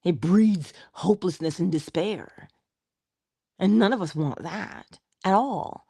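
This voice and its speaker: Woman with a low, gravelly, mellow voice, dry close mic, reflective speaker who drops into whispers. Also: no room sound. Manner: slow, emphatic, with rhetorical questions and soft whispered asides. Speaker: inspirational speaker. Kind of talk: reflective spoken meditation.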